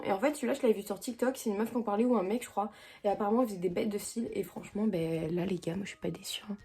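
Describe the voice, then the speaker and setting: Here a young woman with a mellow, medium-pitched voice talks her way through doing her makeup at home for a vlog. She's loose and slangy, often restarting sentences and leaning on fillers, recorded on the camera's own mic.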